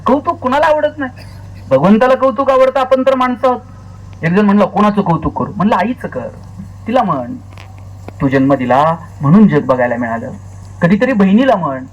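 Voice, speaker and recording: A man speaking lecture style to an audience, telling humorous stories and acting out the dialogue in changing voices. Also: rough recording. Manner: storytelling, acts out quoted dialogue with shifting pitch. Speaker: public speaker. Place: stage at a lecture series before an audience.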